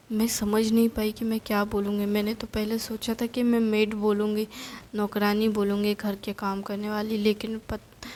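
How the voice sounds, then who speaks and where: A woman's voice: medium pitch, a little mellow, a little hiss or hum, natural voice. A woman voicing a flustered middle-aged mother who rambles anxiously with many restarts.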